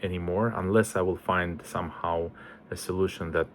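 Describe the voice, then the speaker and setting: A man's voice: low voice, fairly even intonation, moderate pace, slight background noise. A man in his forties from Estonia, introducing himself as a composer in a casual, hesitant way with many fillers. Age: 40s.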